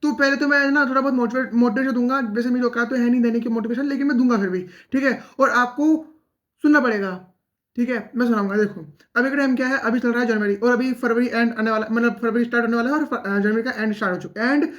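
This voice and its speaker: A young man speaking very fast in a casual, rambling monologue, poking fun at himself while giving motivation to fellow exam aspirants. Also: extremely high pitch, steady tone, fairly bright tone, highs cut off. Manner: very fast, rambling, self-mocking talk.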